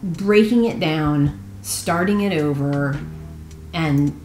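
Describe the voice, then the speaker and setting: The founder of a women's book project talks earnestly and reflectively in an interview about the project she started. Her low voice is a little mellow and she takes it slowly. The recording sounds roomy, with music behind her.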